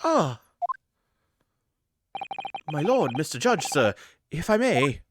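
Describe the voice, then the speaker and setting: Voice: medium pitch, big pitch swings, slow pace, noisy background. A game player voicing a timid, flustered male juror who stammers and defers to everyone. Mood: anxious, contrite. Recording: game music behind the voice.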